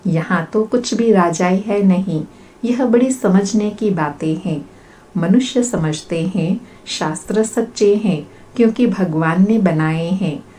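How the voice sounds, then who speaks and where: A woman reading a religious discourse aloud in a measured, steady recitation. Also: lowish voice, a little hiss or hum. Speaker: spiritual reader.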